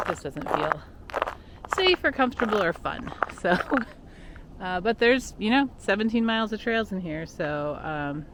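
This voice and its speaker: A woman chatting casually and musing aloud as she records a running vlog outdoors on park trails. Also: sits low. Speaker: vlogger and recreational runner. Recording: clear outdoor background noise.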